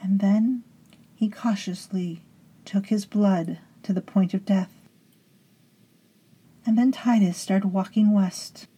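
A woman hosting and narrating a scripted horror story in a hushed, intimate way, sometimes sinking into whispers and calling her listeners beloveds. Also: mid-range voice, steady tone, slow pace, pauses often, slightly rough, rough recording. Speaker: storytelling host.

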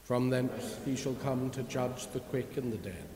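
Man, formal measured recitation, church service, cathedral echo with long reverb, background hiss. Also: mid-range voice, vocal fry, dark tone. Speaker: worship leader. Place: large reverberant church, indoors.

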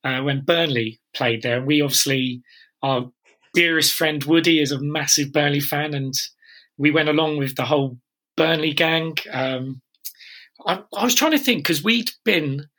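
Bright-voiced man telling a story. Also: a little high, expressive, normal speed. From London area. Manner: meandering storytelling with fillers. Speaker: podcast co-host. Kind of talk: casual chat.

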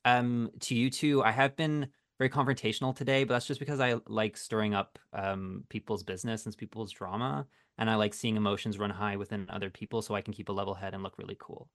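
A man's voice: lowish voice, steady tone, fast, hardly any pauses, a bit bright, dry recording, studio quality. A man as a podcast guest, chatting casually in a teasing, mock-sincere way.

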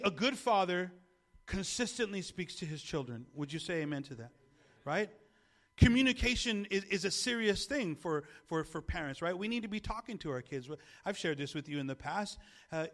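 A pastor in his thirties preaches a sermon in a high, gravelly voice. He talks casually to the congregation, stumbling over repeated words and calling on them to say key words back. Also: fairly bright tone. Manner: conversational preaching with repeated restarts.

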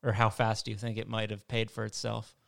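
A man's voice: fairly low pitch, completely flat delivery, fairly quick, creaky, fairly bright tone. A man hosting a podcast, asking a farmer straightforward questions with the occasional light joke. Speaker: podcast host. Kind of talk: interviewing.

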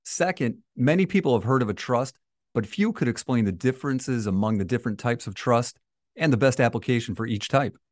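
A man's voice: mid-range voice, lively intonation, brisk, a little mellow, no echo, studio quality. A man co-hosting a podcast as a financial advisor, giving prepared explanations.

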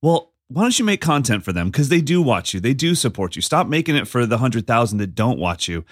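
A man co-hosting a podcast in casual chat, an animated storyteller who acts out the lines he quotes. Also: medium pitch, brisk, dry recording, studio quality. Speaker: podcast co-host.

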